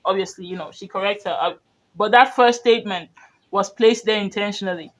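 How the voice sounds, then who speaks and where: A high-voiced man whose first language is Yoruba gives brisk reaction commentary on video clips as a media commentator. He's earnest and rambling, full of "you know" and restarts.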